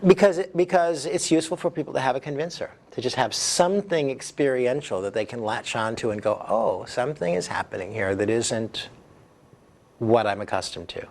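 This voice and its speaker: A man working as an instructor, explaining casually in a halting, self-interrupting, informal way. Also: medium pitch, animated, darkish tone. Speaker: hypnosis instructor. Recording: clear background noise.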